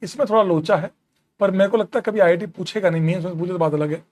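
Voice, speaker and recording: High-voiced man teaching chemistry casually. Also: quick pace, a little mellow. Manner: casual, encouraging, calls students bro. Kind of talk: classroom lecture.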